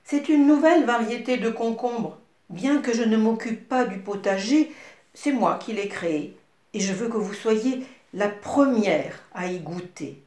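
Woman reader plays a kind young storybook gardener, gentle and slow, echoey room. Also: a little high, expressive, voice pushed up. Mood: eager.

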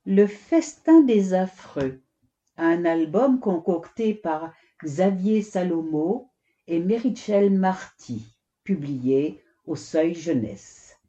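A woman presenting and reading from a picture book in a slow lively manner, on a dull lo-fi recording. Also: lowish voice. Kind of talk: storybook reading and review.

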